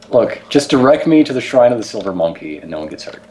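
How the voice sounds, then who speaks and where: A man's voice: medium pitch, very animated, fairly quick, darkish tone. A man playing a tabletop game, talking casually as he makes his moves and banters in character.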